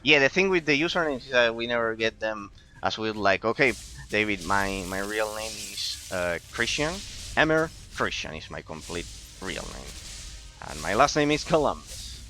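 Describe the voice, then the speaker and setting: Casting: male game streamer, late 20s, Argentine accent, bright forceful voice, rambling casual delivery. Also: lowish voice, animated, normal speed, soft background music, poor audio. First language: Spanish. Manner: rambling, repeats phrases for emphasis. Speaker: live streamer. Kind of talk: casual chat to viewers during gameplay.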